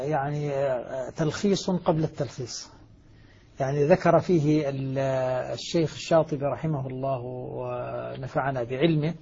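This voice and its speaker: A man's voice: fairly high pitch, warm tone, breathy edge. A middle-aged man, a scholar explaining recitation rules, stressing quoted words emphatically. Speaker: Quranic recitation scholar teaching. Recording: muffled lo-fi audio.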